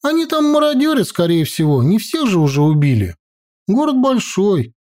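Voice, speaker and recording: A man voicing a young girl navigator who gives brisk, military-style reports in a raised voice. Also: sits high, very animated, darkish tone, pitched above the performer's own voice. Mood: matter-of-fact. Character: young girl scout reporting drone sightings.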